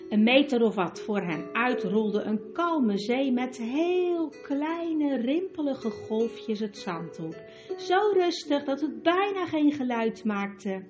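A woman narrating a storybook in a calm, even way. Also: high-pitched, takes it slowly. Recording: dull recording with music behind.

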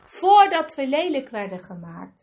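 A woman's voice: sits high, sing-song, unhurried, a little mellow, full character voice. A woman voicing the pompous, long-winded chief of a band of one-footed creatures in a storybook reading.

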